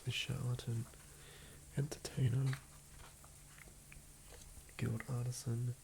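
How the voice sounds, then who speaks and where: This ASMR creator from southern Australia murmurs in a soft, hushed whisper, rambling and thinking aloud as he builds a game character. His mid-range voice is gravelly, his delivery flat and his pace slow. A clear layer of ambient noise sits behind him.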